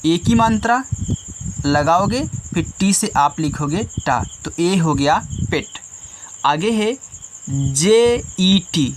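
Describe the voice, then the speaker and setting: A man's voice: sits high, lively intonation, slow pace, a little hiss or hum. Patient male teacher, faint crickets. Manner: patient, explains step by step with repeated questions. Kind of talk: phonics lesson for children.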